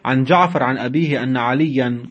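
Fast-talking man teaching. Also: medium pitch, highs cut off. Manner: reads classical text then explains in dialect, chuckling asides. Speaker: religious studies teacher. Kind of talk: seminary lecture reading and explaining texts.

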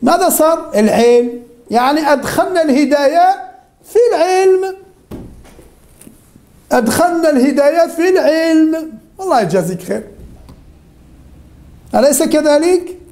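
A woman with a high-pitched voice leads an interactive religion lesson. She keeps asking the same question again and again and calls on her students by name until someone answers. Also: expressive, normal speed, long pauses, mellow. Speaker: religion teacher.

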